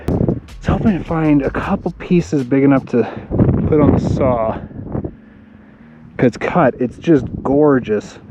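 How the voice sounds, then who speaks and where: A man vlogging outdoors while hiking fast at dusk, chatty and enthusiastic, short of breath and laughing often. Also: medium pitch, dull audio. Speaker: rock hunting vlogger. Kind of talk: casual vlog narration while hiking. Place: outdoors at dusk on a rocky hillside. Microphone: action camera and phone.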